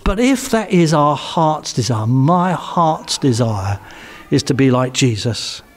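An older man with an English accent preaching a sermon in a church hall on a headset mic, earnest and emphatic, often dropping to soft, quiet phrases. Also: medium pitch, sing-song, slow.

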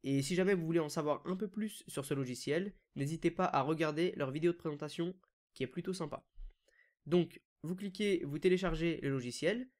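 French man with a higher voice, walking through a software tutorial. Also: brisk. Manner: casual, step-by-step, many "donc" and "euh" fillers. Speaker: WordPress consultant and YouTube tutorial host. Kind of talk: screen-recorded software tutorial.

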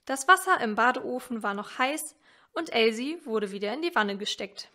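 A woman reading a story aloud in a measured, expressive way. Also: fairly high pitch. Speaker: story reader at a church advent event.

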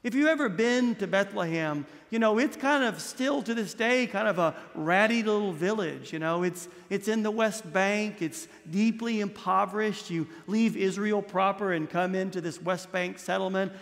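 A man in his thirties, a priest delivering a Christmas Eve homily with impassioned preaching, dropping low and soft on key words. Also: normal speed, vocal fry, few pauses. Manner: gestures broadly while standing at a lectern. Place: large stone church, indoors. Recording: long church reverb.

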